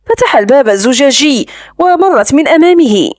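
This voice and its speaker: A woman narrating a romance novel audiobook in a smooth, even storytelling manner, close to the mic. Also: sits high, fairly quick, dry recording.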